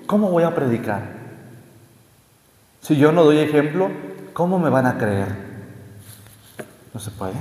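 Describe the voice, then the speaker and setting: A man, a priest, giving a conversational homily and asking his listeners rhetorical questions. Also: a little high. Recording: echoey hall reverb.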